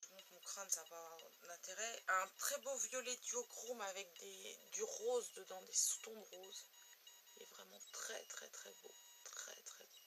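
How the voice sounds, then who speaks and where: Slow, bright-voiced French beauty vlogger. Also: female voice, medium pitch, a little hiss or hum, poor audio. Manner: slow, drawn-out, trails off quietly on repeated words. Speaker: beauty blogger. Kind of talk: makeup swatch review.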